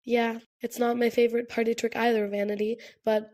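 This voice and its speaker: A woman's voice: fairly high pitch, little pitch movement, brisk, darkish tone, natural voice. A woman voicing a stubborn, protective young man in an audiobook, insistent and apologetic. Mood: determined.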